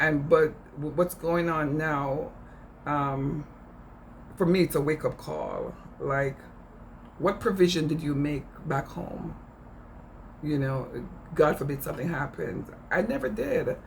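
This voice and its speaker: A man's voice: a little high, slight background noise. A middle-aged man with a Jamaican accent, giving impassioned, informal commentary in an earnest, emphatic way, repeating phrases for stress. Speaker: speaker on immigration issues.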